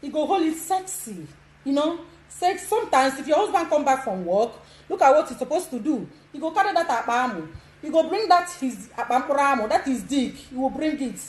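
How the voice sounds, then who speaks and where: A woman's voice: high voice, lively intonation, brisk, roomy sound, poor audio. A Nigerian woman giving frank casual advice, laughing often and demonstrating as she talks. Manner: bold, laughing, demonstrative, mixes pidgin. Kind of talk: casual instructional chat.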